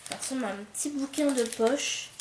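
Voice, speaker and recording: A woman's voice: sits high, brisk. A woman vlogger chatting casually as she unboxes a gift, full of fillers, restarts and delighted exclamations. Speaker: book vlogger. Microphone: camcorder. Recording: echoey room with faint noise.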